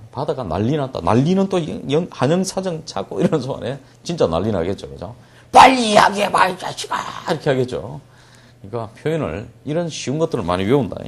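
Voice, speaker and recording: A man teaching English reading in a classroom lecture. He reads English lines slowly and deliberately, explains them quickly, and asks questions that he answers himself. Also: medium pitch, darkish tone.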